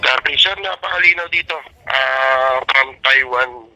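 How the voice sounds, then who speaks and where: A man's voice comes through a two-way push-to-talk radio, cutting and very sharp in tone. He works through a radio check with brisk, courteous radio etiquette and closes each turn the way operators do. His pitch sits at an ordinary male level. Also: low-quality recording. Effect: voice heard through a two-way push-to-talk radio. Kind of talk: radio procedure talk, ending turns with "over".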